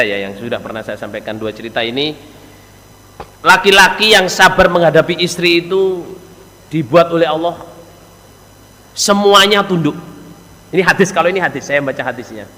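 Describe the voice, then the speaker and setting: A man's voice: normal speed, pauses often, sharp tone, big-room sound, low-quality recording. A man preaching to a congregation with a Javanese accent, telling stories in a folksy way and acting out the people in them. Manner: folksy, acts out quoted characters with shifting pitch. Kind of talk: sermon storytelling.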